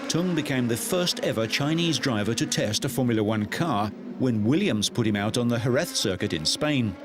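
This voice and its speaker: A man reading scripted motorsport news narration in a measured, even delivery. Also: medium pitch, background noise. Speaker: news presenter.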